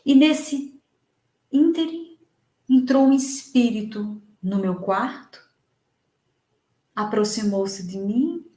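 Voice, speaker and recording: A woman giving a Spiritist lecture, slowly retelling a devotional story in the first person with emotion. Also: on the high side, dark tone, roomy sound.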